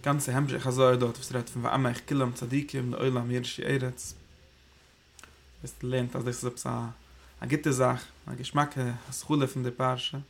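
Gravelly-voiced man teaching Torah in Yiddish. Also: medium pitch, level tone, normal speed. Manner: rambling, thinking aloud, Hebrew terms woven in. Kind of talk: Yiddish Torah class on the Zohar.

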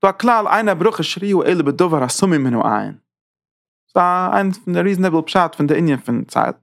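A man teaching a Torah class in a lively lecture style, talking with sudden leaps in pitch. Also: a little fast, creaky.

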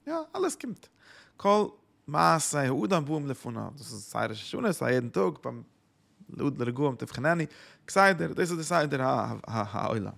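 A man's voice: mid-range voice, lively intonation, brisk, gravelly, fairly bright tone. A man teaching a religious lesson, searching for words, often repeating them and dropping in English phrases. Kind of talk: Torah lecture in Yiddish-inflected German.

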